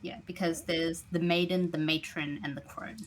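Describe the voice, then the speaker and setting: A woman's voice: sits low, steady tone, moderate pace, slight background noise, poor audio. A woman running a tabletop game as game master, explaining the setting's lore in a chatty, digressive way full of fillers.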